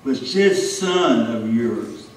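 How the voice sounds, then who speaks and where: A man's voice: mid-range voice, lively intonation, extremely slow, very echoey, recorded from a distance, a little hiss or hum, voice pushed down, low-quality recording. A man preaching, voicing a resentful older brother who rants indignantly. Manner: indignant ranting.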